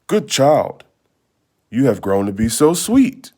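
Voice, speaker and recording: A man acts out a cunning old wolf from a storybook, passing himself off as a kindly grandmother. The words are slow and coaxing, with pitch that swoops widely. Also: big pitch swings, dark tone. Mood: coaxing, sly.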